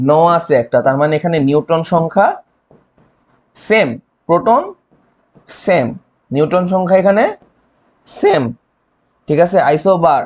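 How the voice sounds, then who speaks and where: Young male tutor, high voice, Bangladeshi Bengali accent, quiz-style exam-prep delivery, constant check-ins. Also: a little mellow. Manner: quizzing with rhetorical questions and mnemonics; frequent "ঠিক আছে?" check-ins. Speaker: chemistry tutor. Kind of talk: online exam-prep lecture.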